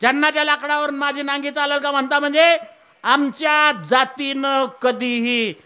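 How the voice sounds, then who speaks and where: A proud wood-boring bee boasts and bristles at an insult as a preacher puts him on. The voice is high and bright. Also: male voice, fairly even intonation, normal speed. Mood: offended. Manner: offended, boastful.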